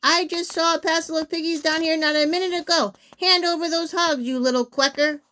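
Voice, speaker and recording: Woman doing a shrill, greedy cackling witch. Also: lively intonation, unhurried. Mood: furious screeching. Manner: exclamatory, bossy, insult-slinging. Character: greedy, bad-tempered cackling witch hunting pigs.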